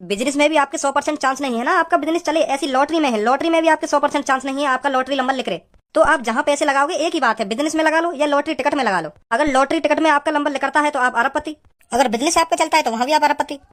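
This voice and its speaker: A woman voicing a pushy, smooth-talking male lottery salesman in a cartoon, rattling off a persuasive sales pitch. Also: a bit bright. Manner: persuasive, fast sales patter. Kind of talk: cartoon voice acting.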